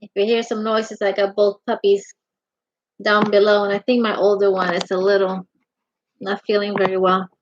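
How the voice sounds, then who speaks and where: A woman's voice: medium pitch, little pitch movement, moderate pace. A middle-aged woman hosting a casual livestream from her home craft room, chatting affectionately and greeting viewers as honey. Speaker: livestream host. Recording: dull lo-fi livestream audio.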